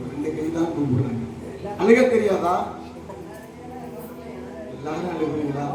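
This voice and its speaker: A middle-aged man preaching a rousing call-and-response sermon, swinging between shouts and hushed testimony. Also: a little high. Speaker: pastor. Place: large church hall. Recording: echoey hall, distant mic, noisy.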